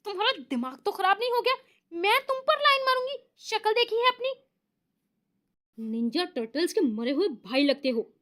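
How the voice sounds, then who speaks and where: A fiery young woman with a high, swooping voice that jumps up sharply when she scolds. A woman narrator puts her on as she reads a novel aloud. Her lines are quick, indignant and shrill. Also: expressive. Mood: furious.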